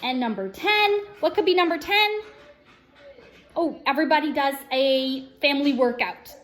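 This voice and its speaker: A woman with an animated, high-pitched and fairly bright voice speaks at a normal pace. As a chatty, sincere self-help vlogger, she talks right to her audience in an upbeat personal vlog and sometimes reads from her script.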